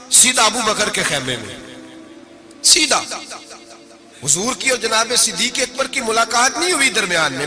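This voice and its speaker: A man preaching a sermon. He tells the story dramatically, with sudden loud outbursts and a sing-song, chanted delivery. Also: high-pitched.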